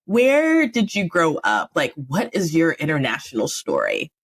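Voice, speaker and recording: A woman's voice: deep voice, huge pitch swings, measured pace, slightly rough. A woman hosting a podcast interview, chatty and laughing often as she talks. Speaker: podcast host.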